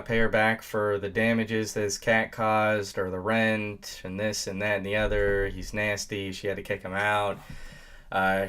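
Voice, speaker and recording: A man's voice: lowish voice, fairly bright tone, smooth. A man hosting a casual reaction commentary, crude and mocking, laughing often into a desk microphone. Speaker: host reacting to a video. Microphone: home desk microphone.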